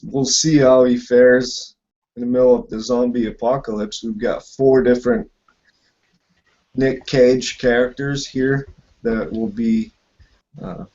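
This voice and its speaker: A man with a French accent, hosting a live tabletop game as game master, relaxed, with frequent fillers and laughs. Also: medium pitch, lo-fi sound.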